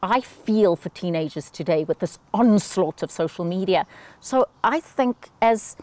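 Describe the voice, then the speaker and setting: A woman's voice: fairly low pitch, animated, a little slow, a little mellow, no room sound. A woman in her fifties from South Africa, a guest telling her life story in an interview. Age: 50s. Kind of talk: conversational interview.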